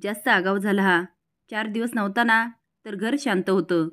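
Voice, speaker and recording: A woman voicing a sharp-tongued older woman who taunts and scolds the family. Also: mid-range voice, fairly even intonation, moderate pace, natural voice. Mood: scolding.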